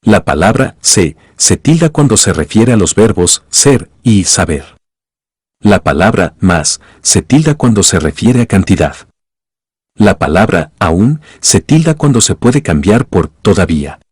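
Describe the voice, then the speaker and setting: A man narrating a scripted Spanish grammar tutorial in a measured, explanatory way. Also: low voice, sing-song, darkish tone, breathy edge, no room sound, studio quality. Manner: measured, explanatory, reads example sentences aloud. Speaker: language teacher.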